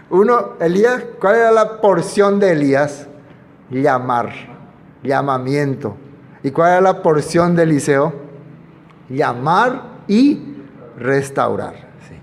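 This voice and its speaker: A man's voice: on the high side, big-room sound. A man preaching, talking in a conversational way and asking his listeners questions. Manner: conversational, asks the audience questions. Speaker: pastor. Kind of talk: expository sermon.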